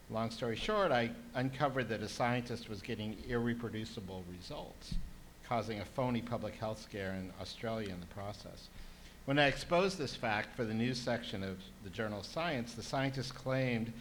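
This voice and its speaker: A man gives a tribute at a memorial event in a measured, even voice of middle pitch. He tells his story steadily, with faint room noise behind him. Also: rough recording. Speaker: former student giving a memorial tribute. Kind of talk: read-out speech at a memorial event.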